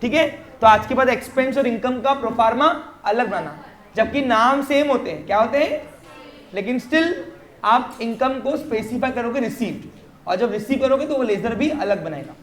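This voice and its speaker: A man's voice: very high-pitched, lively intonation, moderate pace, a bit bright. A man teaching a commerce class in a classroom, explaining step by step and often quizzing his students with short check questions. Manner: mixes English terms into Hindi explanation. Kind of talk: classroom lecture. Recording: roomy classroom echo.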